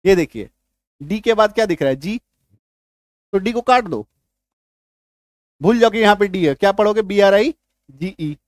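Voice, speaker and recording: High-voiced man teaching spelling rules. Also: expressive, dry recording, clean studio sound. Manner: explains slowly, spells out letters, asks rhetorical questions. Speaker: English teacher. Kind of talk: spoken English lesson.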